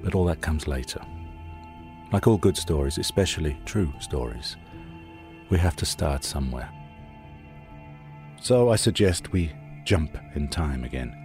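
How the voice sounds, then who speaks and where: Very deep-voiced male true-crime storyteller over music. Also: lively intonation, unhurried, pauses often, darkish tone. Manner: conversational storyteller, addresses the listener directly, short suspenseful phrases. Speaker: podcast host and narrator. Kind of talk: scripted true-crime documentary narration.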